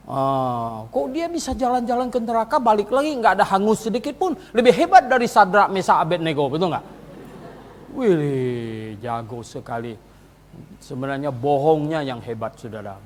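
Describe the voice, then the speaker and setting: A man delivers a sermon as pastor in a church hall, his voice pitched high for a man and swinging between loud challenges and low asides. Long reverb trails off his words through the hall. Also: slight background noise. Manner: animated preaching, rhetorical questions, mocking quoted voices.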